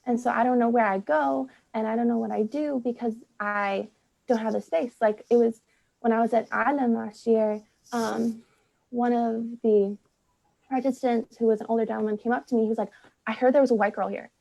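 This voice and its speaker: Chatty young American woman, gravelly voice. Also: on the high side, fairly even intonation, a little fast, warm tone, low-quality recording. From United States. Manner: chatty, lots of "like", acts out quotes. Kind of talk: casual conversation.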